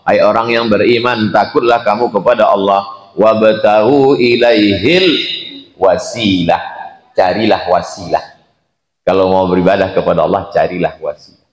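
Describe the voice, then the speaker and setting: A man giving a sermon, reciting Arabic phrases and translating them with animated, sudden jumps in pitch. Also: normal speed. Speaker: Islamic preacher. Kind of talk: sermon teaching a hadith. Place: large echoing hall at a dawn gathering. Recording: roomy hall reverb.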